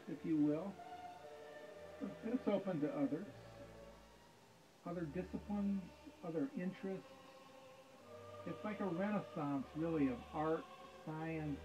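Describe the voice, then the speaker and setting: A middle-aged man giving a joking keynote speech in a dim home planetarium room, dry and deadpan, speaking into a stand mic. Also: on the high side, dull audio, slight background noise. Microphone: stand mic, camera in front.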